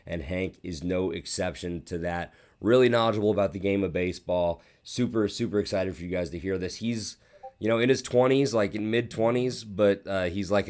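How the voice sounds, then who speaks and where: A man hosting a sports podcast, telling stories in a casual, rambling way with plenty of swearing. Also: low-pitched. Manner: profane, rambling, animated storytelling. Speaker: podcast host.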